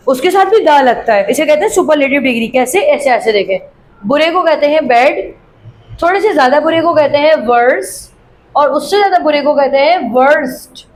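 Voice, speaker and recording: A woman teaching English grammar from a worksheet. She reads example sentences slowly and clearly, then explains them quickly, often asking her students questions and answering them herself. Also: high-pitched, slight background noise, rough recording.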